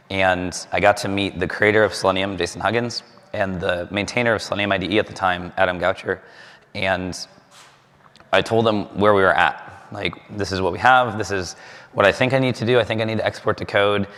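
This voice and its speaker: A man delivers a talk from a conference stage, his voice very low and a little worn from overuse. He pauses often with ums and uhs, and the sound trails off into the long reverb of a large hall. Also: fairly bright tone. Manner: halting, many ums and uhs. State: losing his voice, clearing throat. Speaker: conference speaker.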